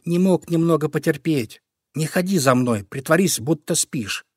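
A man voicing a sly female fox in a storybook reading, honeyed and coaxing, turning shrill when crossed. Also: lively intonation, normal speed, darkish tone, no echo, clean studio sound. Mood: annoyed.

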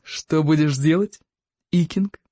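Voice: mid-range voice, takes it slowly, dark tone, no room sound. Рассказчик изображает насмешливого задиристого мальчишку-викинга. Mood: taunting. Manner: mocking, taunting. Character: sneering bullying teenage Viking boy.

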